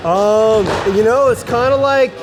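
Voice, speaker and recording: A man's voice: extremely high pitch, unhurried, background noise. A middle-aged man being interviewed in a casual chat, rambling in laid-back skater slang. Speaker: guest, skate park builder. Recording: music playing behind the voice.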